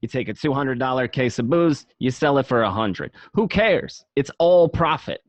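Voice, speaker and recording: Lightly acted and expressive, a medium-pitched male voice tells a gangster's story at a moderate pace in a radio play. The character is cynical and streetwise, delivering everything matter-of-factly, and the muffled home recording is completely dry.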